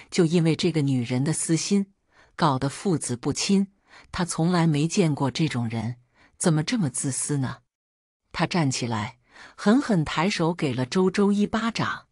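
A woman narrating a family drama story in a scripted, expressive reading. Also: low voice, husky, no room sound, clean studio sound.

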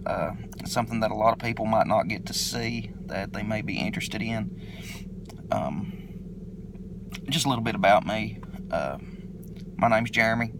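Laid-back Kentucky man on a noisy phone video. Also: fairly low pitch. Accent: eastern Kentucky. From eastern Kentucky. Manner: laid-back, halting, folksy. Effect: self-recorded phone video. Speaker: motovlogger introducing his channel. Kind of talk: casual unscripted vlog intro.

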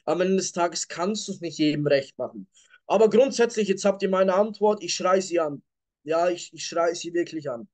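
Brief: male sales coach, high voice, blunt and direct, live Q&A over a call mic. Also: normal speed, a little mellow. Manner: blunt, reads questions from chat, repeats catchphrases.

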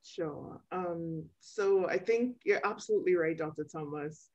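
A woman developmental pediatrician explaining things in an interview over a video call, measured with frequent ums. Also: fairly low pitch, a little mellow, dull audio.

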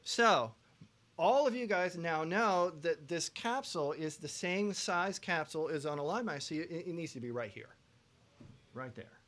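A man teaching a vocal production workshop to a live class, animated, asking the room questions and acting out singers. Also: on the high side, moderate pace. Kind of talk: lively workshop lecture. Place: classroom before a live audience.

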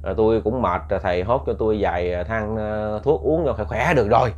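A man's voice: lowish voice, a little fast, darkish tone, voice pushed down, close to an everyday voice. A man voicing a frightened, worn-out village man. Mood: hushed, weary. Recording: muffled lo-fi recording.

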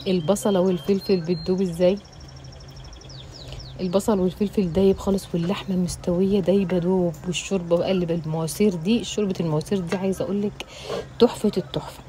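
A middle-aged woman with an Egyptian accent, chatting rapidly and directly to her viewers as a home cooking vlogger. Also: fairly low pitch, warm tone, a little hiss or hum. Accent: Egyptian Arabic. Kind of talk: casual chatty storytelling to viewers.

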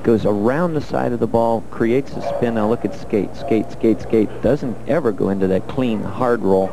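A man's voice: fairly low pitch, normal speed, gravelly, noisy background. A man giving color commentary on a televised bowling match, breaking down each shot in a coaching way. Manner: analytical, coaching-style breakdown of shots.

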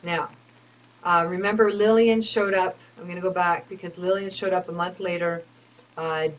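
A woman's voice: on the low side, steady tone, moderate pace, low-quality recording. A woman telling a rambling personal story, aggrieved and complaining, with many fillers and restarts.

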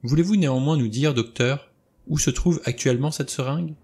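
A man reading a novel aloud, voicing an elderly judge who speaks in a calm, formal, deliberate way. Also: mid-range voice, slightly rough, pitched above the performer's own voice. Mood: measured.

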